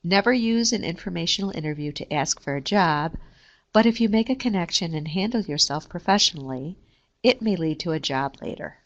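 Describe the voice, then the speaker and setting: A woman reading a scripted careers lesson in a steady, measured way. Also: on the low side, dull audio. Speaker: career services presenter. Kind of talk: scripted instructional narration.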